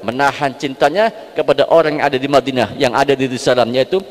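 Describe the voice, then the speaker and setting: A man's voice: mid-range voice, steady tone, fast talker. A man preaching a sermon that explains devotional poetry, repeating phrases for emphasis and breaking into chanted Arabic verses. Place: large mosque hall. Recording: echoing mosque hall.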